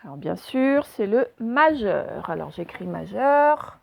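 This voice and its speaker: A woman teacher giving a recorded reading lesson, speaking slowly and clearly, asking questions and then answering them herself. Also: mid-range voice, big pitch swings. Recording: dry, dull lo-fi recording.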